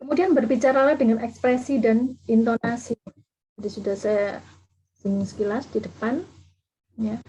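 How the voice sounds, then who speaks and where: A woman's voice: on the high side, fairly even intonation, normal speed, long pauses, mellow, a little hiss or hum. A woman speaker giving an online parenting seminar, explaining patiently and acting out sample intonations. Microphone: video call audio. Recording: dull lo-fi video call audio.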